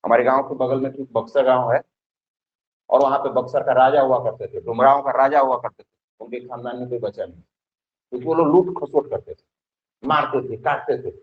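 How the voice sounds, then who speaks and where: A man's voice: mid-range voice, fairly even intonation, brisk. A man teaching a chemistry class, asking the students questions again and again and urging them to study. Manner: repeats questions to the class, exhorting. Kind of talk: classroom lesson and pep talk. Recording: slightly dull lo-fi sound.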